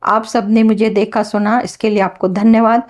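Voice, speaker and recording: A woman teaching a healing practice, chanting calmly and then explaining each step in a slow, devotional way. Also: mid-range voice. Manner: slow, calm and devotional, repeats words. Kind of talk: demonstration lesson with chanting.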